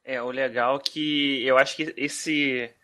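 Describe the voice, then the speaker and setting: A man's voice: medium pitch, steady tone, unhurried, bright, forceful tone. A man hosting a podcast, asking casual interview questions in a friendly way. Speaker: podcast host.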